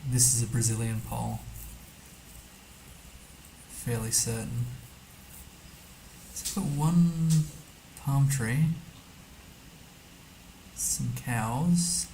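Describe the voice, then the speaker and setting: A man's voice: medium pitch, drawn-out words, pauses often, dark tone, slight background noise, poor audio. A man streaming a map game, thinking aloud casually as he mutters guesses and reads numbers to himself. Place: indoor streaming setup.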